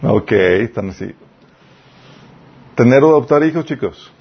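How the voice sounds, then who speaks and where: A man's voice: mid-range voice, animated, unhurried, husky, highs cut off. A man preaching a sermon. He reads scripture aloud, stops to explain it, and asks his listeners questions. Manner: addresses the audience as "chicos", asks them questions.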